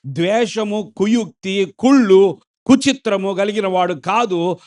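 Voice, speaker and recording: Male pastor, high voice, lively preaching that asks the congregation for answers. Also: measured pace. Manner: animated, questions the congregation and acts out quotes. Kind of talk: sermon.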